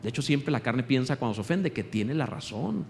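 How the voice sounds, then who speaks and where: A man preaching a sermon as pastor in a church. He asks the congregation rhetorical questions and swings between loud exclamations and slow, low emphasis. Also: expressive, creaky, slight background noise.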